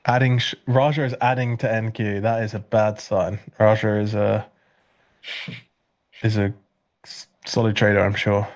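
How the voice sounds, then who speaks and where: A congested British man hosts a live trading stream, chatting casually and reading chat with dry, sarcastic humor. His voice is fairly low and level, at normal speed, and he pauses often.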